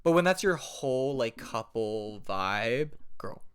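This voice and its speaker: A man's voice: mid-range voice, animated, slow, clear, resonant tone. A young man in his twenties co-hosting a podcast, earnest and reflective, with the odd mocking aside. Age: 20s. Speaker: podcast co-host. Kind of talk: casual chat.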